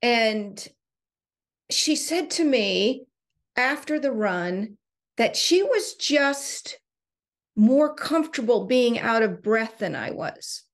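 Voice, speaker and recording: Higher-voiced woman telling stories. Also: takes it slowly. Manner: storytelling, animated, laughs often. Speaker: podcast co-host and coach. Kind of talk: casual podcast chat.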